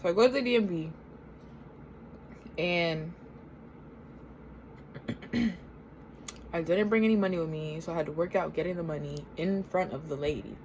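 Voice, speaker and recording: A young American woman with a low voice grumbles through a casual, rambling story, swearing freely. She talks with her mouth full as she eats. There is noticeable noise and room ambience behind her. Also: moderate pace, long pauses, darkish tone, poor audio. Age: 20s. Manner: talking with mouth full while eating a sandwich. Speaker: vlogger. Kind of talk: casual storytelling while eating.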